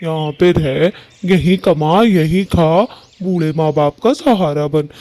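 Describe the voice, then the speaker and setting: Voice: mid-range voice, takes it slowly, dark tone, close to an everyday voice. A performer voicing an old, ailing male bird father in a cartoon, complaining in rustic village speech.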